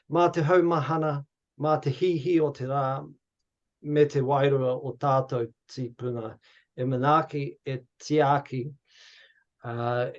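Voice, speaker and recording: Hosting a workshop on a video call, a New Zealand man gives casual facilitation and closing remarks, courteous but a bit hesitant. His voice is mid-range, and the recording is muffled.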